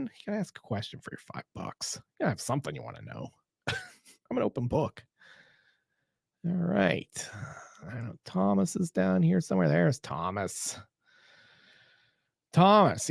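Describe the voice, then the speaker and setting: A man in his fifties chats casually as he hosts his own livestream, rambling, restarting sentences and poking fun at himself. His voice has a gravelly edge and moves around a lot in pitch. It is recorded close and dry, with no room sound. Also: a little mellow, dry recording. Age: 50s. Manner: rambling, self-deprecating, many restarts. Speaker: livestream host.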